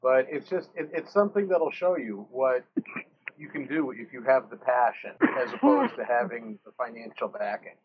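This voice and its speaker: A man's voice: medium pitch, sing-song, moderate pace. A man in a casual chat talking earnestly, hedging his points, over a dull, slightly noisy line.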